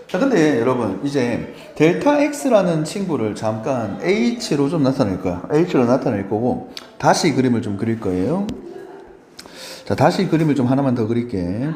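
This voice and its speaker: A male math teacher giving a lively lecture, chatty and often checking in with his students. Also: mid-range voice. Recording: roomy echo.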